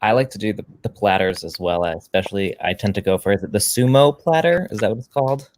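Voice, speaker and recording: Laid-back low-voiced man. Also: fast talker, darkish tone. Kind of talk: casual chat.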